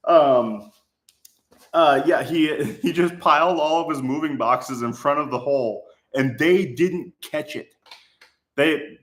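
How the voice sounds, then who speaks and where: A man's voice: mid-range voice, a bit bright. A man with a Minnesotan accent hosting a casual livestream from his workshop, chatting and joking while he builds a prop. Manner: chatty, jokey, often laughing. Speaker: livestream host. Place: home workshop. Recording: echoey room.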